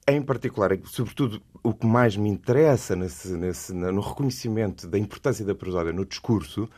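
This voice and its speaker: A man's voice: fairly low pitch, dark tone. A man with a European Portuguese accent, a speech trainer explaining as a guest, who stresses key words with sudden rises. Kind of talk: explanatory interview talk.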